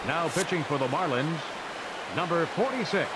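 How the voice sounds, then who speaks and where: A man as a stadium announcer whose announcements follow a chime and boom over the loudspeaker, drawn-out and formal, stretching each name. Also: lively intonation. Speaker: ballpark public address announcer. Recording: stadium loudspeaker from far off under loud crowd noise.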